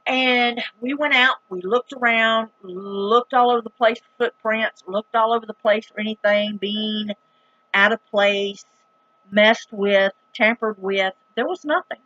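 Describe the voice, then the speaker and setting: This is a middle-aged woman vlogging from rural America, her Southern accent coloring a story told casually, dramatically and emphatically in a plain-spoken, folksy manner. She speaks at a measured pace in a fairly high, bright, forceful voice. The recording sounds muffled.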